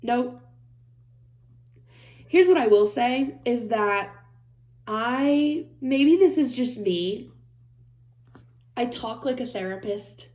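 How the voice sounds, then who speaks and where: A woman vlogger giving casual reaction commentary, animated and swearing freely as she mimics people in mock-angry voices. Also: mid-range voice, roomy sound.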